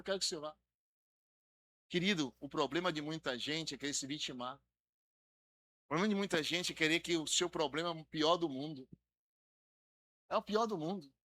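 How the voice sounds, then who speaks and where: A man preaching a dramatic sermon as pastor, acting out quoted voices and swinging between soft passages and loud exhortation. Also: high-pitched.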